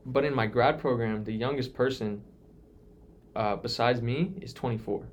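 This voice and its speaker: A young man in his early twenties speaks at normal speed in a mid-range voice during a casual podcast chat. He's earnest and reflective, often restarting his sentences, with slight background noise.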